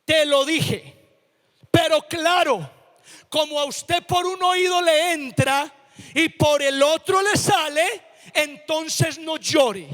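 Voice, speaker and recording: A man's voice: extremely high pitch, takes it slowly, long reverb tail, heavily acted. A man doing a scolding, exasperated mother. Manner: shouting, scolding.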